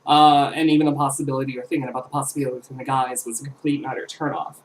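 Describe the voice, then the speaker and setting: A woman's voice: a bass voice, level tone, very fast, slight background noise, low-quality recording. A woman in her twenties chatting casually to camera as a vlogger, rambling with fillers and self-corrections. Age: 20s.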